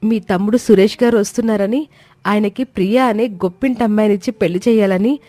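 A woman's voice: mid-range voice, a little fast, warm tone, no room sound, close to an everyday voice. A woman voicing a wronged young daughter-in-law who speaks in a pleading, distressed way. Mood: accusing.

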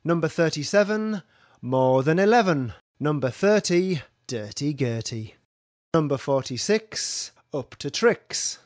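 A man's voice: a little high, expressive, measured pace, no room sound, studio quality. A man working as a bingo caller, announcing numbers and their rhyming nicknames in a set sing-song pattern.

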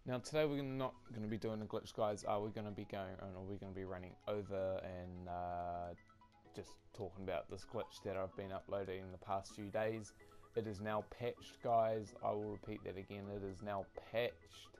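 Low, gravelly-voiced man rambling an update. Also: fairly even intonation, fairly quick, a little mellow, soft background music. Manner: rambling, repetitive, many fillers and restarts. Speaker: gaming channel host. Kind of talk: casual update vlog.

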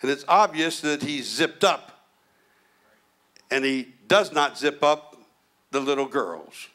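A man's voice: a little high, animated, slow, fairly bright tone. A male pastor preaching a humorous, storytelling sermon.

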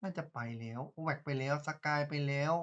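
A man's voice: fairly high pitch, a little fast, highs cut off, noisy background. A young man hosting a casual, chatty gaming commentary, exclaiming and slangy as he plays. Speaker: gaming channel host. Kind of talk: casual let's-play commentary. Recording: loud game music behind voice.

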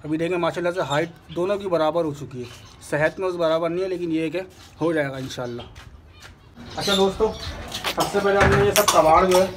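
Chatty man vlogging his rooftop bird chores. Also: a little high. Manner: chatty, addresses viewers as friends while working. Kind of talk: casual vlog narration. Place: rooftop kitchen and bird pens, outdoors. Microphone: handheld phone camera. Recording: noisy rooftop phone recording.

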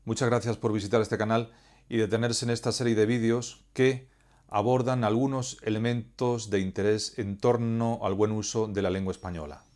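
A man teaching Spanish grammar, explaining rules in a measured, clear, didactic way. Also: fairly low pitch, steady tone, a little mellow. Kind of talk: scripted educational explanation.

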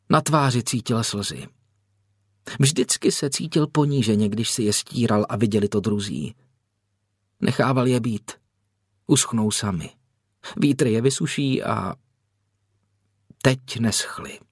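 A male narrator reads a historical novel in a measured, expressive storytelling voice at an average pitch. The studio sound is bone-dry and close. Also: no room sound. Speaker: audiobook narrator. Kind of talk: scripted audiobook narration. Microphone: close studio mic.

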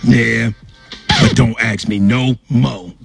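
A man's voice: medium pitch, steady tone, slow, gravelly, husky, faint music behind, full character voice. A man voicing a cocky male college bear in a cartoon, a joking frat buddy with brash, slangy talk.

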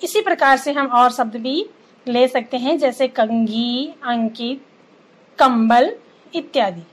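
A woman teacher giving an online grammar lesson to children, slowly listing examples word by word. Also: high voice, poor audio. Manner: slow, clear, listing examples one by one.

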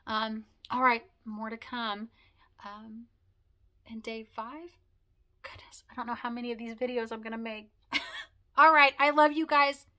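Woman rambling to camera on her vlog, lots of ums and likes, bright tone. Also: fairly high pitch, fairly even intonation, measured pace, long pauses. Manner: chatty, rambling, with frequent fillers and laughs. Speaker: vlogger. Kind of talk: personal heartfelt vlog, talking to camera.

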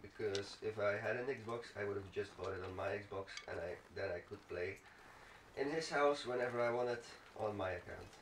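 This let's play gamer speaks at normal speed in a voice on the low side, thinking aloud and rambling casually as he plays. The mic is distant, the room roomy, and there's faint noise.

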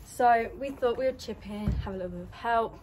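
A woman's voice: on the high side, brisk, darkish tone, slight background noise. A young woman, chatting upbeat and rambling in a vlog, filmed on a phone held at arm's length at a stable yard. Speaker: equestrian vlogger. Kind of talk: casual vlog chat. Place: stable yard, outdoors and in a horse lorry.

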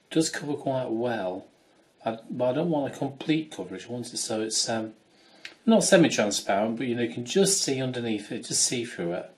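Chatty man demonstrating watercolour. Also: medium pitch. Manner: chatty, relaxed, with fillers and asides. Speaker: wildlife watercolour artist teaching. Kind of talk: painting demonstration.

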